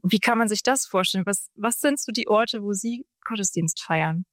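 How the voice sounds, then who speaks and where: Woman radio host asking questions, dry close sound, mid pitch. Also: normal speed, dry recording. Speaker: radio interviewer.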